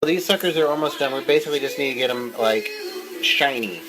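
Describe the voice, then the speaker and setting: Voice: mid-range voice, fairly quick, poor audio. A home cook giving a casual, chatty and mildly profane cooking demonstration. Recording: music and sizzling pan behind. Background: music, frying food sizzle.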